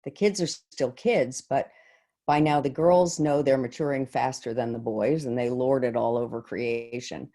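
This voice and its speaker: In a staged monologue delivered over a video call, a woman with a very deep, warm voice portrays an earnest, shaken middle school teacher. She speaks reflectively and haltingly, pausing deliberately.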